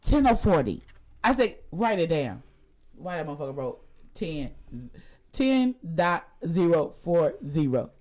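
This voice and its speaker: A woman co-hosting a casual podcast, telling brash, profane stories full of quick impressions. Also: low voice, big pitch swings, darkish tone. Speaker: podcast co-host. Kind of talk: casual chat.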